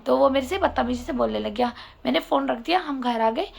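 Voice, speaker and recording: Middle-aged woman vlogger, animated storyteller, high gravelly voice. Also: brisk. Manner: animated, acts out quoted voices. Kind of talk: personal storytelling monologue.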